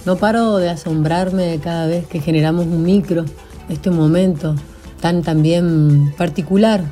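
A woman's voice: on the low side, steady tone, unhurried, dark tone, faint music behind. Admiring woman hosting an interview. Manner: admiring, effusive, leads into questions. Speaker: interview host. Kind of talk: interview host remarks.

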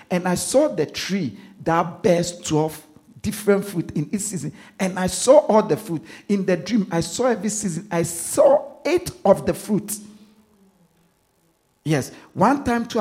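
Ghanaian preacher man with lively pitch. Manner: preaching with repetition, swinging from hushed asides to loud emphasis. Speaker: pastor. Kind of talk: sermon.

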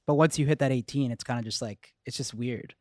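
A man's voice: mid-range voice, a little fast. A young man hosting a casual chat in slangy, sweary bro talk. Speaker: interviewer, show host.

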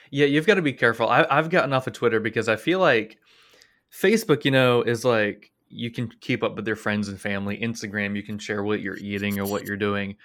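Agreeable, low-voiced male podcast host. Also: a little fast, fairly bright tone. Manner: agreeable, laughs along, backchannels often. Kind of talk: casual interview chat.

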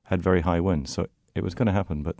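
A man's voice: low-pitched, fairly even intonation, fast talker, creaky, dark tone, no echo. A man talking as a tour guide guest in an interview, articulate and wry with emphatic wording. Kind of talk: conversational interview.

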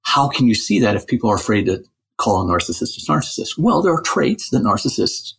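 A man with a husky, gravelly voice explaining research as a guest in a conversational interview. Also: lowish voice, very animated, brisk, a bit bright.

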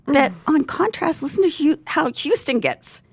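Animated woman telling stories. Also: high-pitched, moderate pace, gravelly, no echo. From Fort Worth, Texas. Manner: animated storyteller, exclaims and laughs often. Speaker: podcast co-host. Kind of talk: casual chat and read sponsor ads.

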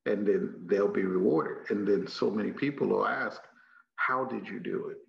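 A man from Texas with a matching accent gives a motivational leadership training talk, his lowish voice carrying vocal fry at a moderate pace. He speaks emphatically and folksily, repeating phrases for effect. The room recording is muffled and echoey.

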